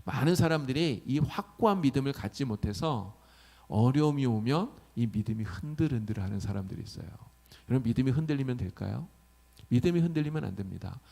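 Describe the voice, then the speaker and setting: Lively, gravelly-voiced male pastor preaching. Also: mid-range voice, fairly quick. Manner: preaching with direct questions to the congregation. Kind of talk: sermon.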